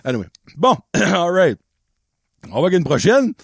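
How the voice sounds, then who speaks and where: A man's voice: high-pitched, very animated, moderate pace, vocal fry, husky, no room sound. Man, Acadian accent, podcast host, rambling, profane, dry recording. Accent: Acadian French. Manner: rambling, profane, goes off on tangents. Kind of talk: casual chat.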